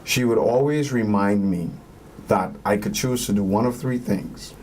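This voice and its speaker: A man talks through his career in an interview. He is earnest and motivational and pauses to gather his words. A faint background noise runs under his voice. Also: lowish voice, darkish tone. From Bahamas. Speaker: interview guest, music producer. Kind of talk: reflective interview talk.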